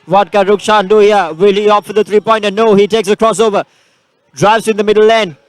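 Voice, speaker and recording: A man's voice: sits high, steady tone, brisk, no room sound. A man calling a school basketball final live, rattling off passes and scores with frequent fillers. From Sri Lanka. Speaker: basketball commentator. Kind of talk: live sports play-by-play.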